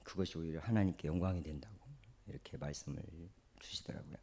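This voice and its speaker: A man's voice: very deep voice, fast, mellow, a little hiss or hum. A male pastor with a Jeolla Korean accent, preaching a sermon in a conversational, storytelling way. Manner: conversational, storytelling, acts out quoted speech.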